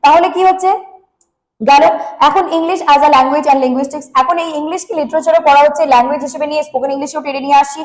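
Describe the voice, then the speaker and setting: A woman's voice: high voice, fast, low-quality recording. A woman with a Bengali accent teaching an online exam-prep lesson, asking her students questions and then answering them herself, repeating her points with emphasis. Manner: repetitive, emphatic.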